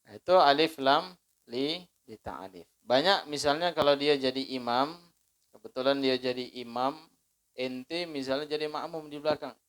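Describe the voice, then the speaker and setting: A man with an Indonesian accent teaching an Islamic study circle lesson, slowly drawing out recited phrases and putting questions to his listeners. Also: mid-range voice, a bit bright. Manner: slow, drawn-out demonstrations of recited phrases; conversational, asks listeners questions. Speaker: religious teacher.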